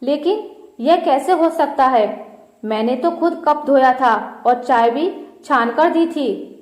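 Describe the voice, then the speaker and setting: A woman voicing a storybook mother-in-law, middle-aged and harsh, scolding and shrill, fairly high voice, slow and deliberate delivery, set in a roomy space with audible echo. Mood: worried, accusing.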